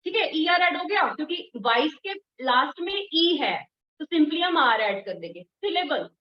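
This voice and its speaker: A woman teaching English grammar in an online class, patient, repeating and drilling words slowly. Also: sits high, lively intonation, roomy sound, distant mic, lo-fi sound, a little hiss or hum. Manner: firm when scolding students.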